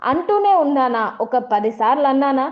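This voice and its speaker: A woman's voice: high voice, animated, normal speed. A woman voicing a young woman who was hurt and firmly complains in an argument. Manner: firm, complaining. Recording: dull lo-fi audio.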